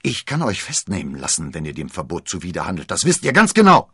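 Man playing a loud, angry guard captain, husky, dry sound. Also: deep voice, wildly swooping pitch, fast, no room sound, full character voice. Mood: blustering. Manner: shouting, blustering. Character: blustering male guard commander, angry.

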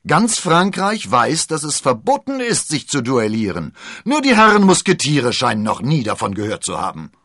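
Man playing a loud, angry guard captain, husky, dry sound. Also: medium pitch, huge pitch swings, normal speed, no echo, voice pushed up, heavily acted. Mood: blustering. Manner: shouting, blustering. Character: blustering male guard commander, angry.

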